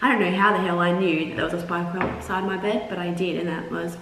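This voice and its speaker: A young adult woman telling personal stories in a casual, animated, dramatic way as the host of her channel. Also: lowish voice, rapid-fire. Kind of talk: casual chat, storytelling. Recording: roomy echo, distant mic, noisy background.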